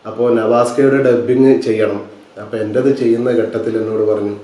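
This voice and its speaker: A man's voice: mid-range voice, steady tone, fast, mellow, very echoey, far from the mic, poor audio. A man from Kerala, a film actor and dubbing artist, recounting his work in a hesitant way with many fillers. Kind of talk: interview account.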